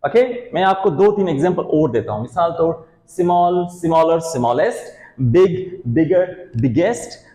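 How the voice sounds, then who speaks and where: A man's voice: on the high side, expressive, measured pace, dark tone. A man teaching a grammar lesson, asking questions and answering them himself, addressing students as his children and friends. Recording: echoey room with long reverb.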